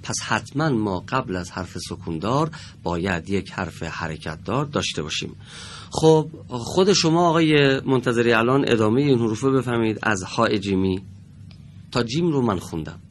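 A man teaching a reading lesson in a broadcast studio. He explains patiently and draws out each example word slowly. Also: mid-range voice, expressive, a little hiss or hum. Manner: patient, deliberate explaining with drawn-out example words. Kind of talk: televised classroom lesson.

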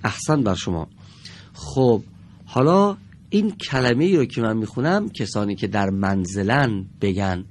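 A man teaching a televised reading lesson to children in a studio, patiently and slowly sounding out each word for his pupils. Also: on the low side, sing-song, a little hiss or hum.

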